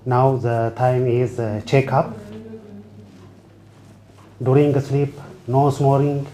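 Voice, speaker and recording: A man from Ethiopia giving a patient testimonial to camera, speaking in short, simple phrases with frequent pauses. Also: medium pitch, fairly even intonation, mellow, slight background noise.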